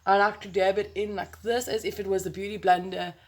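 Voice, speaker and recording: Her mid-range voice comes out flat and fairly quick as she talks to camera, phone held close, in a relaxed makeup tutorial. The South African woman rambles, chats, and plays around with exclamations and sound words.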